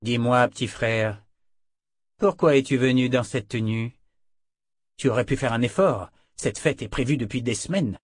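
A man's voice: medium pitch, moderate pace, husky, dry recording, clean studio sound, natural voice. A man voicing an arrogant, cold older brother who serves as first counselor, speaking haughtily. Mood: haughty. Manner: haughty and icy.

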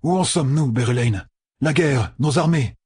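A man's voice: medium pitch, normal speed, a little mellow, husky, dry recording, clean studio sound, voice pushed up. A man reading an audiobook voices an exhausted, stubborn young lord who presses with insistent questions. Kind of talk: audiobook character voice.

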